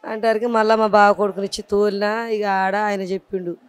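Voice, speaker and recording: A woman's voice: medium pitch, little pitch movement, a little fast, smooth, dry recording, soft background music. A woman with a Telangana Telugu accent, a patient's wife recounting events plainly and politely to an interviewer. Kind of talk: casual interview.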